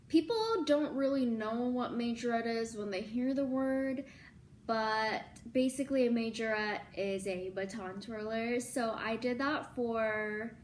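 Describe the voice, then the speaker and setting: A young woman in her twenties talks to her viewers in a relaxed, unhurried way, her voice sitting a little high. She fills her sentences with ums and likes and perks up when something excites her. Faint room noise hums under the recording. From born in Libya, Filipino. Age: 20s. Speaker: YouTuber. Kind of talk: casual facts vlog.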